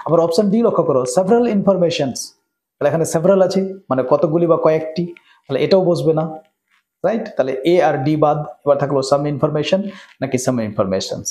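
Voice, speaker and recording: A man's voice: fairly high pitch, mellow. A man with a Bengali accent teaching English grammar, explaining each rule and often checking with "right?". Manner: asks "right?" often, reads example sentences slowly. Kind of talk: explanatory lesson.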